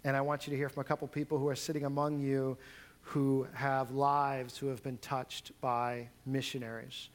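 A man's voice: medium pitch, level tone, moderate pace. A man who is a pastor, giving church announcements and introducing speakers in a conversational way with frequent fillers. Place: church sanctuary.

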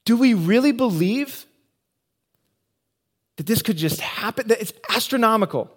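Guy with a pretty high voice preaching, earnest, lots of rhetorical questions and pauses. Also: expressive. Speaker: pastor. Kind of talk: sermon.

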